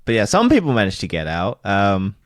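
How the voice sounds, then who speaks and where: A man's voice: lowish voice, wildly swooping pitch, a little fast, dry recording, clean studio sound. A man co-hosting a casual podcast, rambling, swearing and laughing as he goes. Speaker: podcast co-host. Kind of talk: casual chat.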